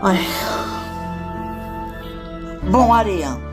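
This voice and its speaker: A woman's voice: mid-range voice, lively intonation, a little fast, faint music behind, voice pushed up, close to an everyday voice. A woman voicing a reassuring, chatty female friend in an amateur toy-figure drama.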